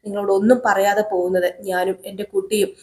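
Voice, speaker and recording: A woman's voice: mid-range voice, flat delivery, fast, close to an everyday voice. A woman voicing a young mother who is bitter, scornful and fiercely protective of her daughter, in a serial recap. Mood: defiant. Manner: sharp, scornful.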